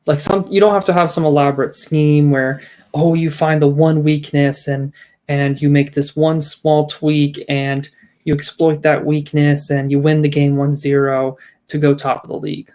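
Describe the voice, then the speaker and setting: A man's voice: a little high, level tone, normal speed, warm tone. A man co-hosting a sports podcast in casual chat, emphatic as he argues his points, with frequent restarts. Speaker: podcast co-host.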